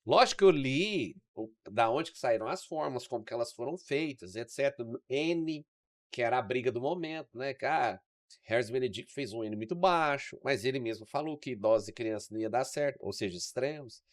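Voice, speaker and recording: A man's voice: mid-range voice, animated, a little fast, dry recording, studio quality. A man with a Mineiro Brazilian accent, chatting casually on a podcast as an exercise science guest and telling stories full of acted-out quoted dialogue. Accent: Mineiro Brazilian Portuguese.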